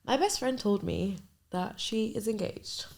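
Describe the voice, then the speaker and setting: A woman's voice: medium pitch, unhurried, a little mellow. A woman in her twenties hosting a podcast, telling a personal story in a candid, hesitant way, often trailing off and restarting. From Nigerian family. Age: 20s. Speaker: podcast host. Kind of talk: personal storytelling, casual confessional.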